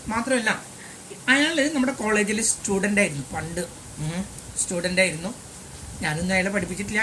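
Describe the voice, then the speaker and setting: Older male maths teacher, fairly high voice, chatty storytelling lesson with English phrases mixed in. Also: pushed and bright, slight background noise. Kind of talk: classroom lesson told as a personal story.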